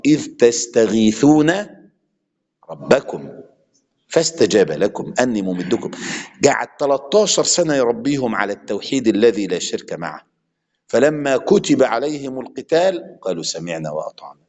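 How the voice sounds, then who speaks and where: A man's voice: medium pitch, big pitch swings, normal speed, darkish tone. A man with an Egyptian accent preaching an impassioned sermon, mixing classical and colloquial Arabic. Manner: impassioned, switching between classical and colloquial speech. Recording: long hall reverb.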